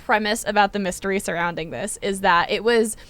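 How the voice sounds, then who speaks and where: A woman's voice: medium pitch, brisk, fairly bright tone. Eager young woman explaining at length. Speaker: podcast co-host. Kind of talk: casual chat.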